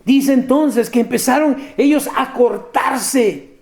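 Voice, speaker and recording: A man preaching a lively sermon, talking straight to his listeners and laughing often. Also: very high-pitched, slow pace, vocal fry. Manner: animated, addresses listeners directly, laughs often.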